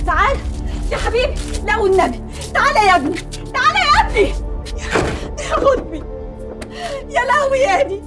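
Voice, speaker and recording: A woman's voice: extremely high pitch, sing-song, fast, pauses often, sharp tone, faint music behind, exaggerated voice. An actress with an Egyptian accent playing a loving mother who begs her son, just out of prison, to let go of revenge. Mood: distraught. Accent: Egyptian Arabic. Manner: pleading, tender.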